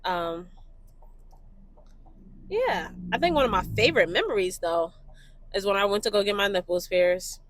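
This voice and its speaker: A woman's voice: mid-range voice, normal speed, pauses often. A young woman from Brooklyn, co-hosting a casual chat and telling family stories with lots of laughter and acted-out quotes. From Brooklyn, New York. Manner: animated, laughing storyteller acting out quotes. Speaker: podcast co-host.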